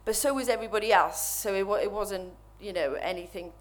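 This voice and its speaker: A woman in her thirties with a Welsh accent, nervously telling her recovery story to an audience at a microphone, halting and full of restarts. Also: mid-range voice. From Wales. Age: 30s. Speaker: speaker sharing recovery story. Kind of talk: personal testimony to an audience. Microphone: microphone while standing before an audience.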